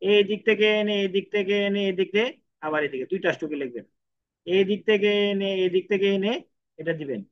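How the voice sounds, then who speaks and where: Male language tutor, high bright voice, lo-fi sound, patient stroke-by-stroke delivery. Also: quick pace. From Bangladesh. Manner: repetitive, counts out each stroke. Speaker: Japanese language teacher. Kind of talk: step-by-step writing lesson. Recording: dull lo-fi recording.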